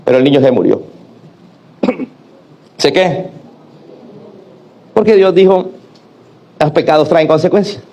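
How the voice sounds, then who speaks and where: A male pastor, preaching a sermon in an animated way, acting out quotes and calling out to the congregation. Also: a little high, slow, pauses often. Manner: animated preaching with acted-out quotes and call-and-response.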